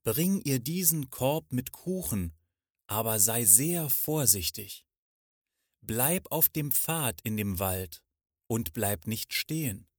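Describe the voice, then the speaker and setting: A man's voice: medium pitch, animated, takes it slowly, no room sound, clean studio sound. A man voicing a caring, worried mother in a fairy tale, speaking in a slightly raised, earnest tone.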